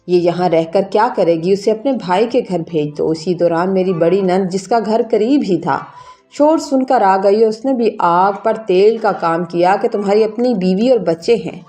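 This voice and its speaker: A woman with a medium-pitched, dark voice narrates a scripted, emotional story in the first person. Background music plays as a bed beneath her narration.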